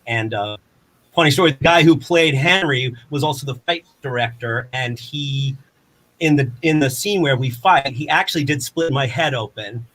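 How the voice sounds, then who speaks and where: Poor audio carries a man's medium-pitched, slightly bright voice at a normal speed. Performing for an online showcase, he delivers a rambling, flustered monologue to camera, apologizing and mocking himself. He's theatrical, given to sudden exclaimed outbursts.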